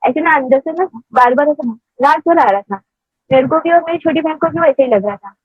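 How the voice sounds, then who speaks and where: A woman's voice: sits high, brisk, no room sound. A woman caller telling a personal story in casual, rambling speech with many hesitations, heard over a phone line.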